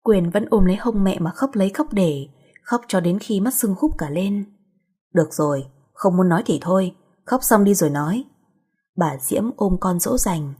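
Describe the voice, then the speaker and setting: A woman narrating an audiobook story in a steady, even manner. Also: medium pitch, breathy edge.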